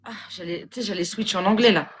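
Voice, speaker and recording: A woman hosting a casual live stream, talking quickly and switching between French and English. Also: medium pitch. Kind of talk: casual chat. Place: lives in England.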